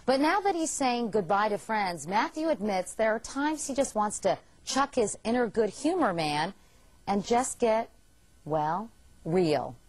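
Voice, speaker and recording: A woman's voice: mid-range voice, lively intonation, measured pace, darkish tone. A woman narrating a scripted entertainment news feature in a polished, wry tone. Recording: music bed under voice.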